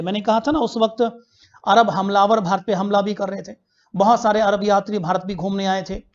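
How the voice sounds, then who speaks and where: Male history teacher in an online class, poses questions, answers them himself, drills key facts; dull lo-fi recording. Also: sits high. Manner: repeats key facts for students to remember.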